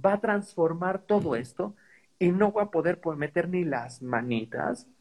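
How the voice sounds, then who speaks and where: A man's voice: fairly high pitch, measured pace, a little mellow, poor audio. A man with a Mexican accent chatting casually as a podcast guest, slangy and profane, constantly tossing in "¿sabes?". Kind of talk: casual conversational storytelling.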